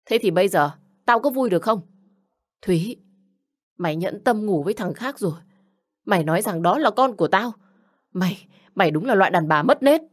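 A woman reading a storybook, voicing an angry, jealous young husband who shouts insults and accusations. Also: mid-range voice, expressive, moderate pace, long pauses, voice pushed up, natural voice. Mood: furious. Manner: shouting insults, coarse and bullying.

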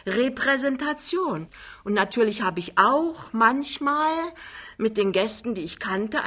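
A vain older mother, brash and boastful, holding court in a triumphant, theatrical tone, as a woman puts her on. Her voice is bright and cutting, sitting higher than the reader's own. She is a storybook figure from an audiobook reading.

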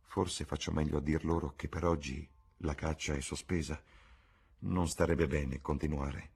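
A man reading aloud, voicing a cynical aristocratic gentleman who speaks slowly and coolly. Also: steady tone, gravelly, breathy edge, heavily acted. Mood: grave. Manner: slow, low, drawling.

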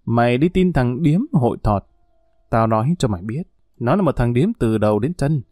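A man's voice: mid-range voice, lively intonation, moderate pace, a little mellow, dry recording, studio quality, lightly acted. A man doing a cruel menacing pimp. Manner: harsh, threatening, contemptuous. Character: brutal male pimp, cold and menacing.

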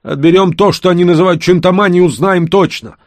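Мужчина, читающий аудиокнигу, озвучивает самого юного хвана, напористого и дерзкого интригана. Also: male voice, high voice, fast, no room sound, clean studio sound, voice pushed up. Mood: insistent. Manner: pushy, insistent. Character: youngest young male khan, brash schemer.

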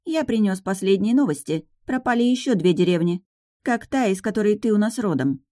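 A woman's voice: mid-range voice, lively intonation, a little fast, warm tone, no room sound, pitched above the performer's own voice, close to an everyday voice. A woman voicing a small sardonic male dragon familiar who teases and lectures. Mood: teasing. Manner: teasing, dry, lecturing. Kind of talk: audiobook narration.

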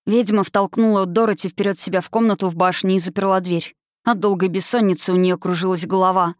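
A woman reading a novel aloud in steady, measured storytelling. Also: medium pitch, no echo, clean studio sound. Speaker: audiobook narrator. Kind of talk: scripted narration.

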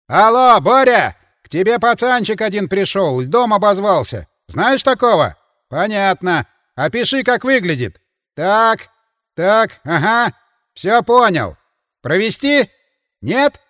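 A man voicing a brash, scruffy male guard who talks loud and coarse in a lively, high-pitched voice. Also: takes it slowly, long reverb tail, exaggerated voice. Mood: rough banter.

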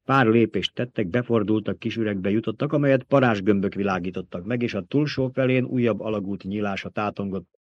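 A man reads an audiobook in an even, steady voice. His voice is fairly low and very dry, close to the mic. The recording sounds dull and lo-fi. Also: dry recording. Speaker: audiobook narrator. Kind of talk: scripted narration.

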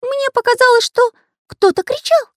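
A woman voicing an excitable little male pencil artist in a storybook reading, squeaky, urgent and insistent. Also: normal speed, no echo, clean studio sound. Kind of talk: storybook narration.

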